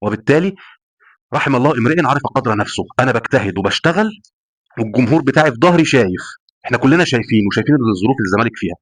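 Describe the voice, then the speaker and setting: A man's voice: mid-range voice, lively intonation, racing, no echo. A man with an Egyptian accent giving a passionate post-match rant as a football fan, repeating phrases for emphasis and swearing oaths. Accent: Egyptian Arabic.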